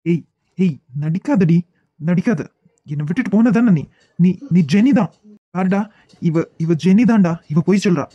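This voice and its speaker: A man's voice: high-pitched, moderate pace, mellow, no echo, highs cut off. A man voicing a distraught young man in a cartoon, pleading and stammering, with a Kanyakumari Tamil accent. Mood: desperate pleading. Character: distraught young man clinging to a lost love. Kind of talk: cartoon web series dubbing.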